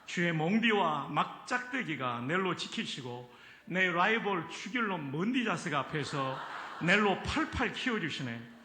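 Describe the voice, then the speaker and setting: A man voicing a blunt, rough Gyeongsang-accented man reciting a psalm. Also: high voice, very animated, a little slow, bright, forceful tone, echoey room, slight background noise, voice pushed up, heavily acted. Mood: boisterous. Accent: Gyeongsang dialect.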